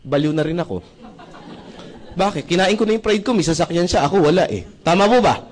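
High-voiced Filipino man telling his story. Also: lively intonation, fairly quick. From Philippines. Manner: storytelling, asks the audience for agreement. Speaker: presenter. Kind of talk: testimonial seminar talk.

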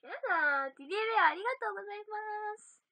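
A woman's voice: very high voice, racing, bright, forceful tone, no echo. A young woman chatting casually on a livestream, reading out viewer comments and giggling often. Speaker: idol livestream host.

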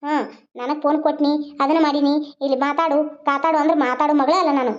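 A bitter, sharp-tongued mother-in-law from a village cartoon, as a woman puts her on, scolding and taunting in a very high, quick voice. She, and the recording is dull and lo-fi. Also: fairly even intonation, soft background music, natural voice.

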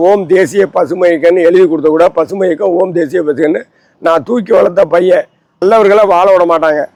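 A man's voice: high voice, a little mellow, no room sound, low-quality recording. A man speaks as an ascetic holy man, outdoors beneath a tree. His talk is rambling and preachy, circling back to his grievances as he lectures. It is an impassioned interview monologue. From Tamil Nadu.

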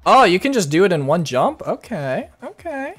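A man's voice: high voice, big pitch swings, normal speed, a bit bright, breathy edge. A young man streaming a game, chatting playfully with his viewers, humming little tunes and reading chat aloud. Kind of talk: live gameplay commentary. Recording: faint music behind.

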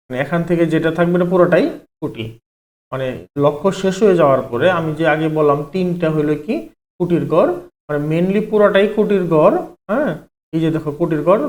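A man, teaching an online math lesson step by step, asking questions and then answering them himself. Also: on the high side. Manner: explains step by step, asks and answers his own questions, repeats "ঠিক আছে".

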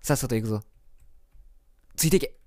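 A man voicing a tough, rude monster schoolgirl who talks in a gruff, threatening way while reading game dialogue. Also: mid-range voice, a little fast, mellow, voice pushed down, natural voice. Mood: menacing. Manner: gruff, threatening, coarse speech. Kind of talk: voicing game dialogue during a let's play.

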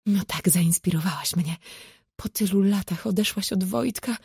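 A woman's voice: fairly low pitch, normal speed, vocal fry, darkish tone, husky, no echo, clean studio sound, full character voice. A woman voicing a fussy, scheming middle-aged mother in an audiobook, who talks dramatically and drops into conspiratorial whispers. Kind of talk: audiobook character voice.

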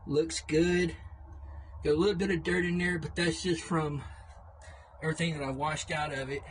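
Outdoors in windy conditions, a relaxed older man with a slightly high voice presents a casual how-to vlog at normal speed. The audio is poor, with wind noise hitting his clip-on mic, and the camera is both tripod-mounted and handheld. He speaks easygoingly, full of "uh" fillers and repeated "really, really."

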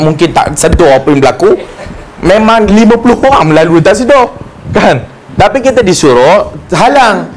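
A man giving a lively, joking religious lecture and acting out the voices he quotes. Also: high-pitched, a little hiss or hum. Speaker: religious teacher. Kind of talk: humorous mosque lecture.

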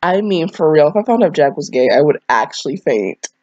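A sick young woman lies down at home, reading fanfiction aloud for her amateur YouTube channel in a low, darkish, very animated voice at a brisk pace. The muffled lo-fi recording has no room sound as she mumbles and rambles through slangy, sweary, blunt, self-deprecating asides.

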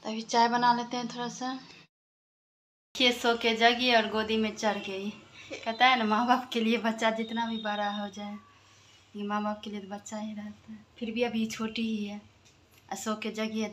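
A woman vlogs casually at home, moving through her kitchen and bedrooms with a phone held at arm's length and chatting with her children between remarks. Her voice is fairly high and a bit bright, with a flat, unhurried delivery and frequent pauses. A little hiss or hum sits under the recording.

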